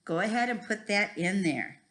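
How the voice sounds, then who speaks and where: In an instructional math video for young children, a woman teaches a first grade lesson, speaking simply and encouragingly like a kids show host. Her medium-pitched voice is animated and fairly bright, at a moderate pace.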